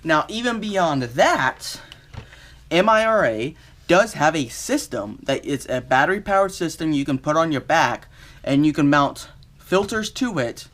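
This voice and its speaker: Higher-pitched man reviewing gear. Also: lively intonation, a little slow, a bit bright. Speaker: product reviewer. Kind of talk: casual gear review, unscripted.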